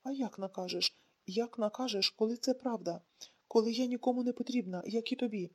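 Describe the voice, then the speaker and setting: A woman's voice: a little high, brisk, natural voice. A woman reading an audiobook, voicing a bitter, wounded young woman who speaks with sarcasm.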